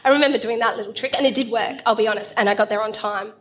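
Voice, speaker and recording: Chatty woman, bit high. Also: steady tone, racing, a bit bright. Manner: chatty storyteller, laughs often. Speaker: podcast co-host. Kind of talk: casual chat at a live podcast recording. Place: stage at a live event.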